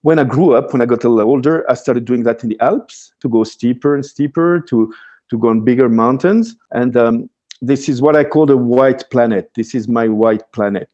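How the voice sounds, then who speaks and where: With the high frequencies cut off, this clip captures a dark, medium-pitched male voice. The speaker is a freeride skier from Switzerland whose native language is French, guesting on a relaxed interview and hesitating often with false starts and fillers.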